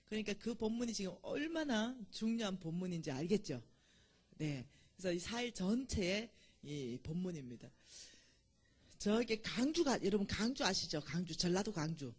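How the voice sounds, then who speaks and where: Husky woman, lively storyteller. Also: mid-range voice, moderate pace. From Gyeongsang Province, South Korea. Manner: chatty storytelling, laughs at her own jokes. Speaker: guest lecturer at a church. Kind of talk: church lecture with humorous anecdotes.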